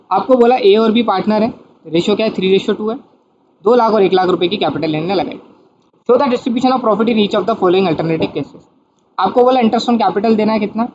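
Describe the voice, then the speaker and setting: A high-voiced man teaches an accounting lesson, asking his own questions and answering them one step at a time. The recording sounds dull and lo-fi, with a faint hiss under it. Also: a little mellow. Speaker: commerce teacher.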